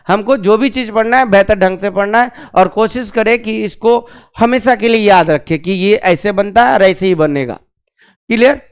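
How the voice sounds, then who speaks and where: A man teaches a grammar class, often putting questions to his students and repeating the key terms. His voice sits high and sounds smooth and resonant. He drills the terms slowly, again and again.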